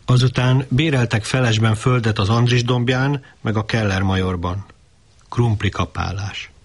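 A man reading his own novel aloud in a measured, wry narrating voice. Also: medium pitch, fairly even intonation. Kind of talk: audiobook reading.

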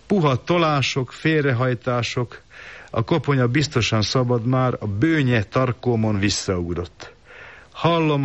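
A man reading a first-person literary story in a measured, calm, reflective way, on a dull lo-fi recording. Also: mid-range voice. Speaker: narrator.

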